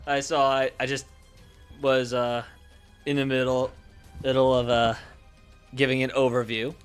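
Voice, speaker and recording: A male game master streams live, reading story summaries and chatting, regularly repeating and correcting what he says. His medium-pitched voice is clean, flat and a little slow, heard over background music.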